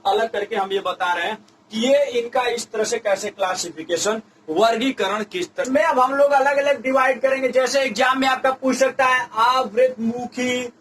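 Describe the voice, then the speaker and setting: A man's voice: very high voice, a bit bright, a little hiss or hum, rough recording. A man teaching Hindi grammar in a lecture, explaining step by step and stretching out vowel sounds as examples. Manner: drawn-out demonstrative vowel sounds, repetitive explaining. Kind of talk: classroom lecture at a board.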